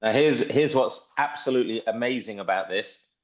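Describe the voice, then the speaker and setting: A man presents a casual live software walkthrough, enthusiastic and often repeating himself. He speaks at normal speed with a medium pitch, and the online call audio is muffled.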